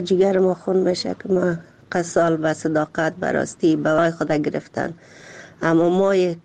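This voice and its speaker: A woman's voice: on the low side, creaky, mellow. A woman with an Afghan Dari accent speaking in an interview clip, lamenting and pleading.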